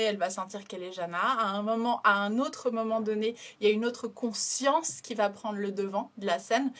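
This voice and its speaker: A woman explaining a therapeutic approach to her listeners, hesitant, with many fillers and restarted phrases. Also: medium pitch. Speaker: systemic hypnotherapist. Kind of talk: explanatory talk to an audience.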